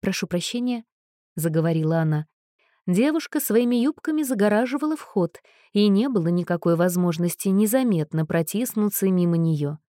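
A woman narrating an audiobook story in a measured, expressive reading. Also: lowish voice, dry recording, studio quality. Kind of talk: scripted narration.

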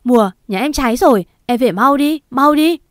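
Storybook bit: a woman playing a panicked young man yelling on the phone, high and urgent. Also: expressive, normal speed, no room sound, studio quality. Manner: urgent, shouting.

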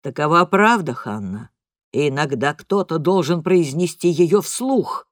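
A woman voicing an angry father who talks slowly and coldly in a lowered voice during a family argument, read as an audiobook. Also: animated, dry recording, studio quality. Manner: slow, low and measured. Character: stern, cold middle-aged father in a fight.

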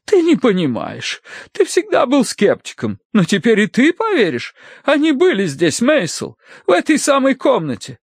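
A man's voice: very high voice, wildly swooping pitch, breathy edge, no echo, clean studio sound, pitched above the performer's own voice, full character voice. A man voicing a fluttery, melodramatic middle-aged society lady who draws out her words theatrically, read as an audiobook character. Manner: fluttery, theatrical, drawn-out sighs.

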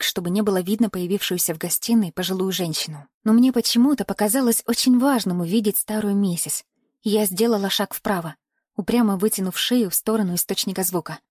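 A woman narrating a novel aloud in the first person, in a measured, even storytelling manner. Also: mid-range voice, no echo, studio quality. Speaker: audiobook narrator.

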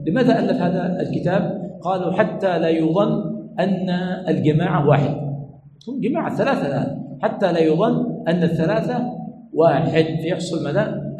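A man's voice: high voice, dark tone, echoey room, a little hiss or hum, rough recording. A sheikh teaching a class lesson, repeating each point and asking his students what comes next, then answering himself. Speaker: sheikh teaching hadith terminology. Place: lecture room at a religious study center.

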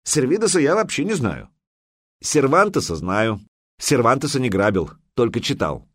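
A man reading an audiobook voices a wry, quick-witted young male captive in close to his own voice. The sound is dry and close. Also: mid-range voice, big pitch swings, fairly bright tone, no echo, pitched above the performer's own voice. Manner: wry, offhand.

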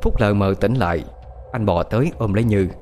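A man narrating a horror story in a dramatic, expressive way. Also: lowish voice, brisk, soft background music.

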